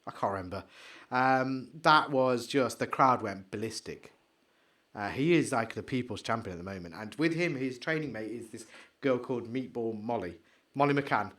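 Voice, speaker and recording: A man co-hosting a podcast, chatting excitably and rambling, trailing off into mumbles while he searches. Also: medium pitch, moderate pace. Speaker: podcast co-host. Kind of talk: casual chat.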